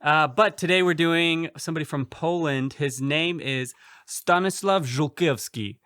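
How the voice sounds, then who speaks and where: A man hosting a podcast, easygoing and quick to laugh as he introduces the show. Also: on the high side, pushed and bright, smooth, dry recording, studio quality. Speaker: podcast host. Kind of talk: casual podcast chat.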